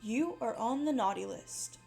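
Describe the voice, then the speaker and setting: A booming, gloating demon judge from a horror storybook, as a woman reading the tale puts him on. He hands down verdicts with cruel delight, in a fairly high voice over faint music. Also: animated, measured pace, vocal fry, warm tone. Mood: gloating judgment. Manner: booming, gleefully malicious pronouncements. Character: menacing horned male holiday demon judge.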